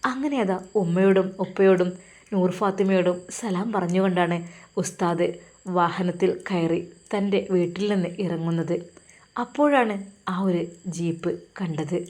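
A woman's voice: on the low side, normal speed, a little mellow. A woman narrating a religious story in a dramatic, emotional manner. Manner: dramatic, lingering.

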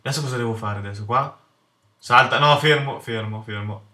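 A man's voice: medium pitch, brisk, pushed and bright. A teenage boy from Italy hosting a gaming video, commentating while he plays, easily enraged and swearing at the game. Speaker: gaming channel host. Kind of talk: let's play commentary. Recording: echoey room, mic off to the side.

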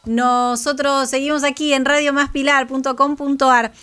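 A woman's voice: sits high, flat delivery, moderate pace, a bit bright. An Argentine woman in her thirties hosting casually on a studio microphone in a small radio studio. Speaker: radio host.

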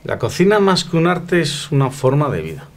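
A young adult man, a chef, calmly explaining how his restaurant works, in a casual, filler-laced way, in a dining room. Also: a little high, normal speed, vocal fry. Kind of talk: casual interview answers.

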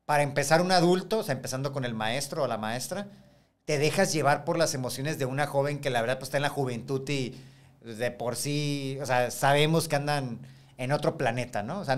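A man, a former teacher co-hosting a podcast, chatting casually and acting out voices in his anecdotes. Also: mid-range voice. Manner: animated storytelling, acts out voices in anecdotes. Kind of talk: casual chat.

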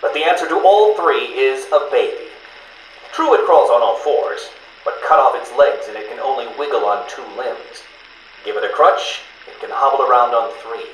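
The Riddler on cassette tape. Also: male voice, medium pitch, normal speed. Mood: smug. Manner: condescending, mocking, theatrical. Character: smug, arrogant adult male riddle-obsessed villain. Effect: played back from a cassette interview tape. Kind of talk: video game voice acting. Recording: roomy, faintly hissy tape recording.

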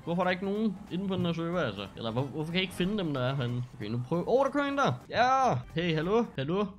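A man's voice: high voice, sing-song, soft background music. Joking young man narrating his gameplay. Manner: joking, laughs often, talks to himself. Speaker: streamer playing a role-play server. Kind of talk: casual game commentary.

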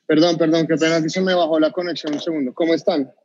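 A little high and darkish in tone, this thirty-something man's voice moves quickly with fairly even intonation. He speaks Bogotá Colombian Spanish as a chef guest recounting his story on a video call, full of fillers, restarts, and hesitation. Audio comes through a webcam, dull and dry.

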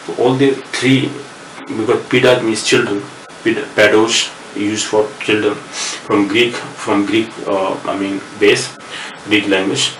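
A man's voice: fairly low pitch, fairly even intonation, very slow, fairly bright tone. An older man with an Indian English accent, a professor giving a lecture on word roots in a mix of Hindi and English. He explains patiently, repeating words and spelling them out. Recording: echoey room, distant mic, noisy.

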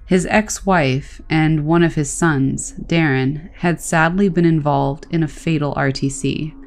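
A woman reading stories aloud as a narrator, in a calm, even storytelling manner. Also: low-pitched, measured pace.

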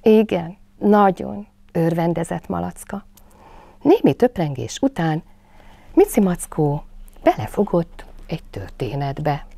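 A woman narrating a children's storybook slowly, dropping to a soft hush. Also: low-pitched, big pitch swings, gravelly, dry recording. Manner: slow, hushed, soothing narration.

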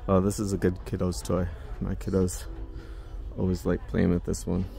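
A low, gravelly-voiced man vlogs a walking tour through a large indoor department store, filming with a handheld phone. His delivery is completely flat and mellow at normal speed as he muses chattily to himself, with soft music in the background.

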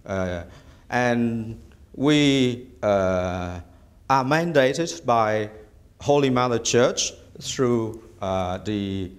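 A middle-aged Vietnamese man, a native Vietnamese speaker, is a bishop-elect giving measured interview answers. He has a mid-range voice and frequently hesitates with "uh," speaking indoors in a small office room.

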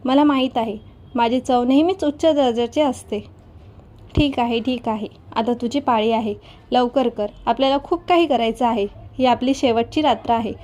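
A playful, dramatic young bride-to-be, voiced by a woman reading the story teases her friend and shouts in mock outrage. The voice sits high and has a mellow, soft tone. It is a storybook reading. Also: moderate pace, lightly acted. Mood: teasing.

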